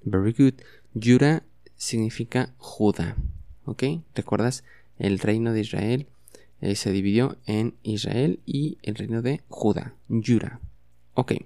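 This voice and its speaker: A man's voice: on the low side, slow, gravelly, warm tone, no echo. A man teaching as a podcast host in a bilingual lesson, patiently repeating words and phrases for the listener to say back.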